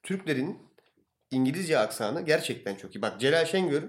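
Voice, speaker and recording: A man's voice: a little high, very animated, a little fast. A young man co-hosting a casual chat podcast, jokey and chatty, calling his friend "abi". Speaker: podcast co-host.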